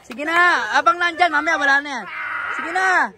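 A woman's voice: high voice, moderate pace, heavy background noise. A woman from the Philippines on a group beach trip, teasing her friends and urging them on as she counts down their jumps. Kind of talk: casual banter. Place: outdoors at a beach lagoon. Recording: group shouting outdoors.

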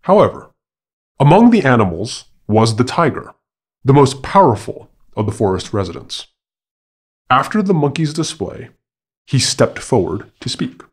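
A man narrating a fable for a podcast in a deliberate, formal storytelling manner. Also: mid-range voice, big pitch swings, husky.

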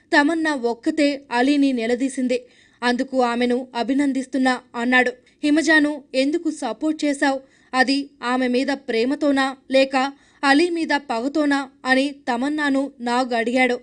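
A woman narrating a scripted news recap in a steady reading voice. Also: high-pitched.

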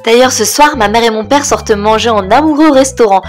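A woman's voice: on the high side, brisk, soft background music, lightly acted. A woman voicing a bossy little girl piglet in a cartoon, chatty and emphatic. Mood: eager. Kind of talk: cartoon toy-play story.

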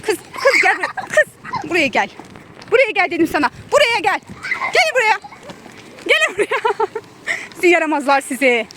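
A mother with a very high, very animated voice films her children outdoors in a park or picnic area for a casual family vlog. Speaking at normal speed with long pauses, she calls after them, scolds, and laughs, all on a noisy outdoor phone recording.

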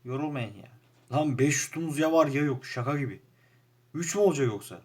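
A young man with a Turkish accent giving casual commentary over a football manager game, frustrated and grumbling, jumping from loud outbursts to low muttering. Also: fast, slightly rough. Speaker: gaming YouTuber playing a football manager game.

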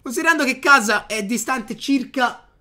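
A man giving casual gameplay commentary, chatting to his viewers with excitable outbursts. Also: extremely high pitch, normal speed. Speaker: gaming youtuber.

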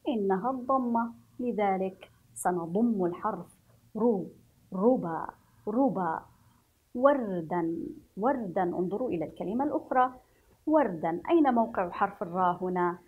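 Breathy woman teaching children to read. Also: mid-range voice, a little mellow, poor audio. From Yemen. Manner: slow drawn-out syllables, praising pupils. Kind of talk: children's reading lesson.

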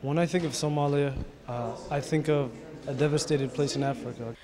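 A young American-raised man with a slightly high voice answers interview questions, pausing and restarting as he searches for words. He speaks into a handheld mic in a plain indoor room. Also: fairly even intonation, a crowd in the background. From United States.

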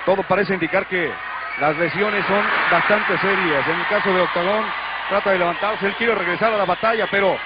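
A man with a Mexican accent giving an urgent live backstage wrestling report with formal turns of address. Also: high voice. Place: concrete backstage area of arena. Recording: lo-fi TV audio, loud crowd and noise. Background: loud crowd and noise.

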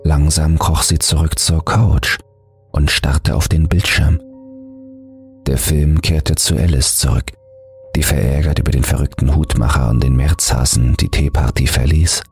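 A man calmly narrating a translated horror story as an audiobook. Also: rumbling low.

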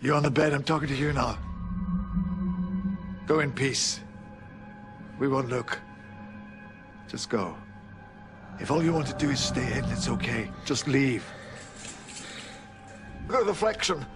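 A quiet, coaxing alien time traveller, played by a man, speaks softly from a television clip. A loud orchestral score runs underneath his voice, and his pitch stays in an ordinary middle range. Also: unhurried, long pauses, over music, lightly acted. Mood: soothing. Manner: soft, hushed, coaxing.

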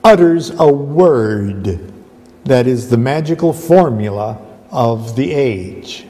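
A man giving a rambling spoken lecture, halting and repetitive, restarting often. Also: medium pitch, animated, dark tone, in a large hall. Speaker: esoteric lecturer.

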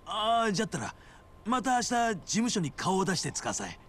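An actor voicing a brash middle-aged yakuza boss in a video game, with gruff, bossy yakuza speech in a Hiroshima accent. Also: male voice, sits high, very animated, brisk, a bit bright, exaggerated voice. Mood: fawning, eager. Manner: gruff bossy dialect, fawning toward his sworn brother.

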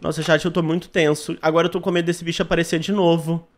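A man's voice: on the high side, flat delivery, quick pace. A young Brazilian man hosting a gaming channel, commenting on a horror game in a jumpy, exclaiming way and talking to his chat. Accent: Brazilian Portuguese.

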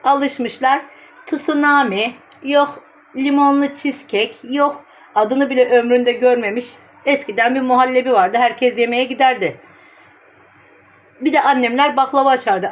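Blunt, teasing woman chatting to camera. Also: high-pitched. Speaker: vlogger. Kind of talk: casual chat to camera.

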